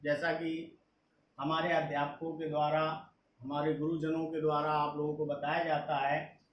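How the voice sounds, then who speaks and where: A man with an Indian English accent, teaching an English grammar lesson slowly, repeating each point. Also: a little high, flat delivery, dull audio. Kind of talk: slow classroom explanation, mixing Hindi and English. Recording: echoey room with faint noise.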